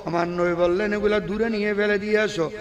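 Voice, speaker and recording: A male preacher, telling a story in a sermon and moving from quiet lines to loud shouts. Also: high-pitched, steady tone, brisk, highs cut off. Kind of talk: sermon at an outdoor religious gathering. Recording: reverberant PA sound with a crowd.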